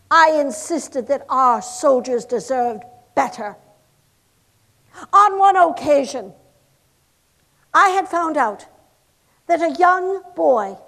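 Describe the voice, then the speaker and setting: A woman's voice: high-pitched, a bit bright, heavily acted. A woman playing a determined 1860s governor's wife. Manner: solemn, impassioned period oratory with slow, deliberate emphasis. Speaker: historical reenactor. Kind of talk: first-person historical monologue.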